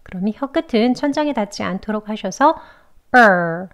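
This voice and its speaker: A woman teaching English pronunciation, explaining mouth and tongue positions clearly and patiently, step by step. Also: medium pitch, expressive, moderate pace, a little mellow. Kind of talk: instructional lesson narration.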